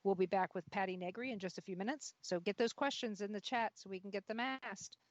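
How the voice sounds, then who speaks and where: A woman's voice: mid-range voice, a little fast, no echo. A woman hosting a radio talk show in a casual, chatty way. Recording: dry but dull lo-fi audio.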